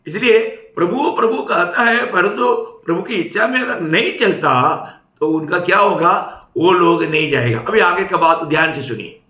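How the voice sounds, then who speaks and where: Guy preaching, bright forceful voice, keeps asking the crowd "right?", echoey church room. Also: high-pitched, normal speed, few pauses. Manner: emphatic, with tag questions to the congregation. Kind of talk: sermon.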